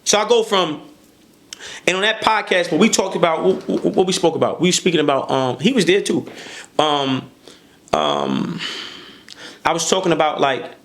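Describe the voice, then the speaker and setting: A man's voice: on the high side, big pitch swings, normal speed, long pauses, fairly bright tone. A man speaking as a podcast guest, emphatic and profane, repeating words as he pushes his point. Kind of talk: heated interview talk.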